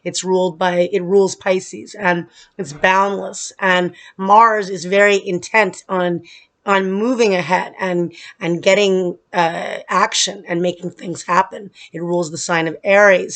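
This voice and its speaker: Astrologer woman losing her voice. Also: medium pitch. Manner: explanatory, with some restarts and filler. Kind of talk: casual astrology talk to camera. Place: humid place.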